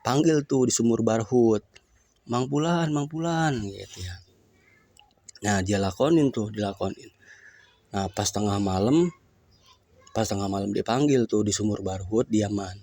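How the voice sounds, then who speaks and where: A man's voice: on the low side, normal speed, dark tone, no echo. A man, a preacher telling a religious story in a casual way, reciting Arabic phrases and then explaining them.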